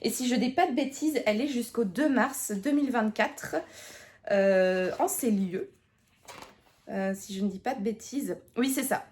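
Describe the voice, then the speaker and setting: Femme bavarde à l'accent tournaisien, voix aiguë. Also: female voice, on the high side, measured pace, darkish tone. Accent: Tournai Picard (Belgian French). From Tournai, Belgium. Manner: chatty, many fillers and restarts, self-mocking. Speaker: book vlogger. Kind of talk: casual chat to camera.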